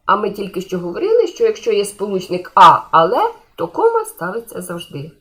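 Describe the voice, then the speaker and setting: A woman's voice: medium pitch, huge pitch swings, a little fast, fairly bright tone. Lady teacher doing a grammar lesson for kids, patient, repeats stuff, voice goes up and down a lot. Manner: patient, repeats key points, asks questions to the class.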